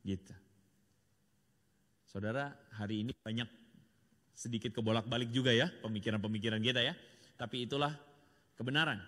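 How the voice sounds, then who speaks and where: A man's voice: mid-range voice, brisk, long pauses, a bit bright. Earnest man speaking in a reverberant hall. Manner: earnest, direct, addresses audience as "saudara". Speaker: seminar speaker. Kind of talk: church seminar talk.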